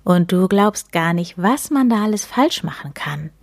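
A woman voicing a friendly, magical male snowman spirit in a read-aloud children's story, with a soft, breathy and mysterious way of speaking. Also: on the low side, expressive, moderate pace, no room sound, studio quality. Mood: amused.

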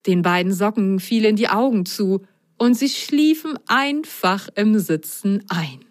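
Woman reading a kids bedtime story, slow, gentle, expressive. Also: medium pitch, no echo, studio quality.

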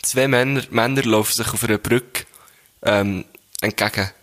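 Swiss german dude cracking jokes on a podcast, relaxed banter. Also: male voice, fairly low pitch, moderate pace, a little hiss or hum. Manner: jokey, tells jokes with stuttering voices. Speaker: podcast co-host. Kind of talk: casual banter.

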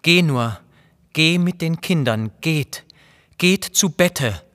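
A resigned father with a weary, broken voice, as a male reader puts him on. He speaks very slowly and heavily. A long reverb trails each phrase, like a big empty hall. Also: on the high side, animated, a bit bright. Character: grave, resigned father sending his family away.

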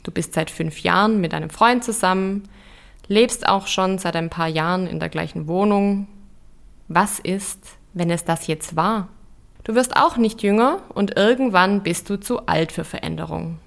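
A woman voicing Herbert, a pushy male companion who nags with probing questions, in a slow audio story. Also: mid-range voice, creaky. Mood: nagging. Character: nagging blunt male companion.

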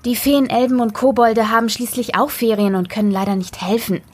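A woman voicing a brisk, joking mother in a storybook reading. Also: a little high, fairly even intonation, darkish tone, slightly rough, soft background music. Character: mother helping her sons move in.

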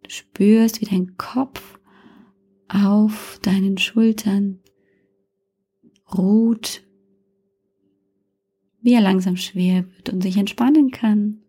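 A woman narrating a guided meditation like a sleep story, softly and calmly, often near a whisper, with long pauses and gentle suggestions. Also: mid-range voice, slightly rough. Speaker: guided relaxation instructor.

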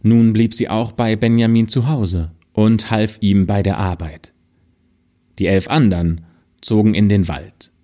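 A man reading a fairy tale aloud in a slow, expressive storytelling manner. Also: lowish voice.

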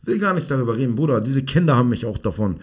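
A man's voice: mid-range voice, animated, rapid-fire, slightly rough. A man, a children's martial arts coach, chatting bluntly and heatedly in street slang on a podcast. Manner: street slang, 'Bruder' and 'Digga' in every sentence. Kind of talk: casual podcast chat.

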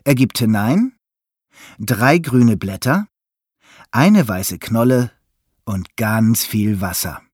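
Husky guy reading a bedtime-style kids story, lively and slow, dry close mic. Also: fairly low pitch, dry recording. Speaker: narrator.

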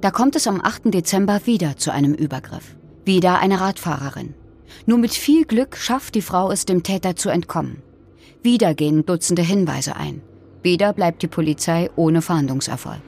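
A woman's voice: lowish voice, lively intonation, normal speed, a little mellow, breathy edge. A woman telling a true-crime story in scripted first-person narration.

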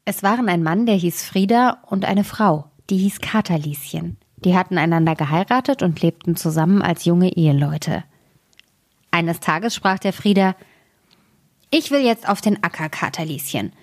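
A woman storyteller reads a fairy tale in a lowish voice. She narrates softly and brings the characters to life with livelier turns. The sound is close and dry. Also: moderate pace, no room sound.

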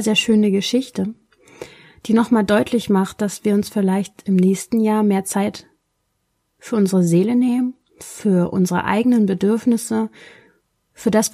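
Gentle, breathy woman telling a reflective story. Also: mid-range voice. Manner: calm, gentle, addressing listeners directly. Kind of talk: reflective storytelling with guided pause.

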